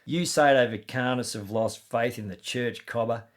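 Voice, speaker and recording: A man's voice: mid-range voice, moderate pace, pitched below the performer's own voice, natural voice. A man voicing a blustery male debater in an exaggerated broad Australian accent. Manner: blustery, slangy.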